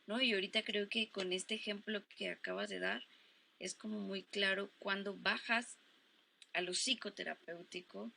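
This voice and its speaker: Bright, gravelly Mexican woman interviewer. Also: medium pitch, steady tone, normal speed, a little hiss or hum. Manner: reflective, thinking aloud with hesitations. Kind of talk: interview, conversational.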